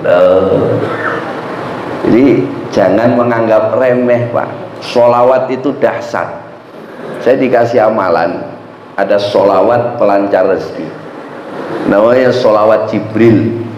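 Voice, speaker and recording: Male mosque preacher, lively storytelling sermon, roomy echo, dull lo-fi sound with faint noise. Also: lowish voice, takes it slowly, pauses often. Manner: lively storytelling, asks the congregation. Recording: echoey, dull lo-fi mosque recording.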